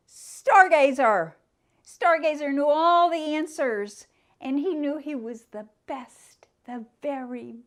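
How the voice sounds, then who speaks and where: A woman's voice: mid-range voice, vocal fry. A woman telling a story aloud to children, stretching words for emphasis and asking them questions. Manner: animated, drawn-out emphasis, asks the children questions.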